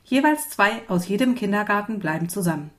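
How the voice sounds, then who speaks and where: A woman's voice: medium pitch, animated, brisk, close to an everyday voice. A woman doing a kind schoolteacher. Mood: welcoming. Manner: warm, encouraging, speaking to small children. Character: friendly female schoolteacher, welcoming and patient.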